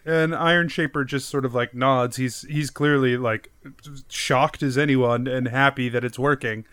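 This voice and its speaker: A man narrating as game master of a tabletop role-playing game, slow and measured with fillers. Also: mid-range voice, steady tone, fairly bright tone.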